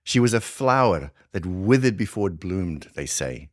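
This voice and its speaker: A man reading a short story as an older Afrikaner narrator, in a heavy Afrikaans South African accent and a deliberate, measured storytelling manner. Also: sits low, very animated. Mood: solemn, wry.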